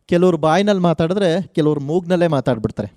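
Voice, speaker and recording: A man hosting a college quiz show on the radio, energetically urging contestants and reading questions slowly and with emphasis. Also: on the high side, animated, warm tone, dry recording. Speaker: quizmaster.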